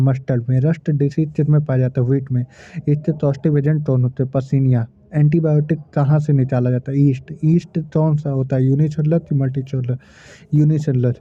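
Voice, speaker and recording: A male biology teacher running a quick-fire revision quiz, asking questions and answering them himself, with hesitant fillers as he recalls terms. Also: a little high, dark tone. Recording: tinny phone-like recording, dry.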